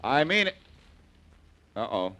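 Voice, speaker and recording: Lively old radio detective, Boston Blackie. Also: male voice, mid-range voice, a little slow. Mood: grave, decisive. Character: sharp, confident male amateur detective. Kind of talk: old radio show acting. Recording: old radio recording with faint noise.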